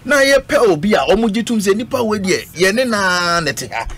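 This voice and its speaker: His high, husky voice swings widely in pitch at a moderate pace, with a fairly bright tone. He's a middle-aged Ghanaian-accented man speaking emphatically as a guest on a political radio panel, code-switching and repeating phrases. The noisy live stream comes from an indoor radio studio via a studio microphone on a stand.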